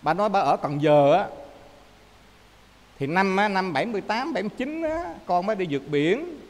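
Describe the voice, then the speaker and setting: High-voiced Southern Vietnamese monk preaching. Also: male voice, a little fast, in a large hall. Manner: lively storyteller, often asks listeners to confirm. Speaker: Buddhist monk. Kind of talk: dharma talk to a congregation.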